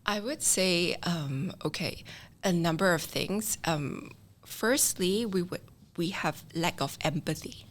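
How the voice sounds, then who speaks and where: A woman with a Singaporean English accent, a leadership expert guest on a podcast, explaining with lively acted-out quotes. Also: fairly low pitch, slow pace. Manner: animated, acts out quoted people. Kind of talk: podcast interview.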